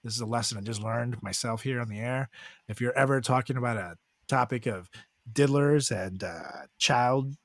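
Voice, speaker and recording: A man's voice: mid-range voice, moderate pace, no room sound. A man co-hosting a podcast talks in casual chat, laughing easily and tossing out crude jokes. His mid-range voice comes through a dry, dead recording with no room sound. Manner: laughing, crude joking banter. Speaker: podcast co-host.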